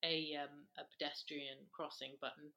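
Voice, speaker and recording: A woman in her thirties co-hosting a casual chat, relaxed, often repeating words as she thinks. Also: low-pitched, normal speed. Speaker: podcast co-host. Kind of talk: casual chat about skincare.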